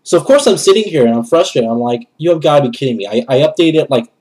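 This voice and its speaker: Slightly high and a little mellow, the voice of this young man comes fast and very animated despite a cold that leaves him nasal and congested. The gaming vlogger rambles casually to camera about his channel from a small bedroom, and the audio is poor.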